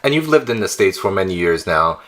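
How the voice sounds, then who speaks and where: Low-voiced young male podcast host. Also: very animated, fairly quick, fairly bright tone. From Armenia. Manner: attentive, gives frequent short acknowledgements. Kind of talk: casual interview talk.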